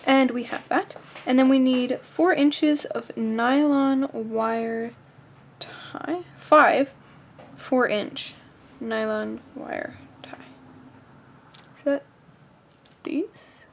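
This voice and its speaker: A woman's voice: high voice, drawn-out words, slight background noise. A woman hosting a casual soldering tutorial, chatty and self-mocking, reading kit instructions aloud between jokey asides. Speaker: host.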